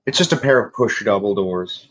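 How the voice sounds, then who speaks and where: A man running a tabletop game as game master, slowly describing rooms and calling for dice checks. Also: on the low side, animated, low-quality recording. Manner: slow, descriptive scene-setting with small restarts.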